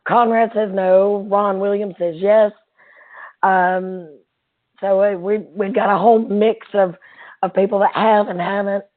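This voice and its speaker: A woman with a hoarse, froggy voice co-hosting a casual live webinar. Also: mid-range voice, fairly even intonation, measured pace. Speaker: webinar co-host. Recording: tinny, phone-like band-limited webinar audio.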